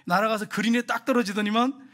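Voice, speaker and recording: A male pastor preaching with a high voice and rapid delivery. He tells his stories animatedly and keeps turning to address the congregation directly. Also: fairly even intonation, a bit bright. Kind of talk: sermon.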